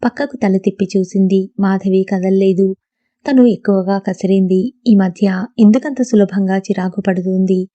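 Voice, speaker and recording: A woman narrating a novel as an audiobook, reading in a steady, measured way. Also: mid-range voice, no room sound, lo-fi sound.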